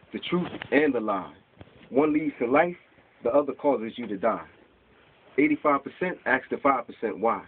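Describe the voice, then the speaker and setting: Reading rhyming spoken word poems from sheets of paper, a man in his forties with a husky, medium-pitched voice performs at a small bookstore open mic. He recites rhythmically and gestures along. The sound, captured by a far-off camera across the room, is tinny and lo-fi.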